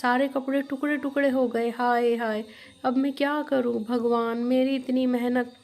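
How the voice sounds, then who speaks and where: A woman's voice: high-pitched, a little slow, darkish tone. A woman voicing a fretful old tailor woman. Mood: distraught. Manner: wailing laments, sighs of dismay.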